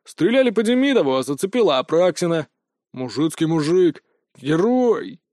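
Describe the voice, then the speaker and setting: A man voicing a scrawny, excitable young lad who talks brashly, in an audiobook. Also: fairly high pitch, moderate pace, no echo, studio quality. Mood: hyped.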